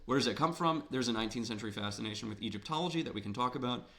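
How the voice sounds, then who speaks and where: Rapid-fire and gravelly, with a mid-range pitch and fairly bright tone, an Ohio man lectures on literature in a conversational manner. Rhetorical questions and repeated words mark his emphasis, and his voice sounds a little worn, as if he's slightly losing it.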